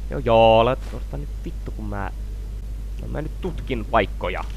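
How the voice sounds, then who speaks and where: A man giving excitable let's-play commentary, swearing constantly and yelling at the game. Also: mid-range voice, gravelly, a little hiss or hum. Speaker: gaming video host.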